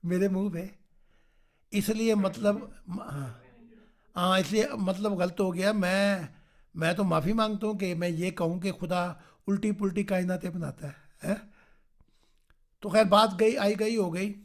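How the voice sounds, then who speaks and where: A male preacher telling a religious story on a video call, animated, who keeps asking his listeners whether they understand. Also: high voice. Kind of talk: storytelling sermon. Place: online meeting.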